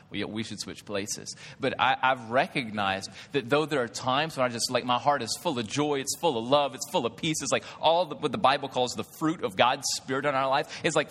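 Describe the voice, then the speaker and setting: A man in his thirties with a drawl, preaching a sermon in a church hall. He talks in a loose, chatty way and keeps turning questions back to the congregation. His voice is bright and forceful, and a long reverb from the hall trails after it. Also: mid-range voice. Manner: conversational, animated preaching with lots of "like" and questions to the congregation. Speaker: pastor.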